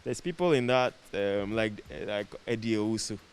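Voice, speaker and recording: A man's voice: lowish voice, moderate pace. A man with a Ghanaian accent talking casually as an interview guest, repeating phrases for emphasis. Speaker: interview guest, production set designer. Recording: clear background noise with hiss.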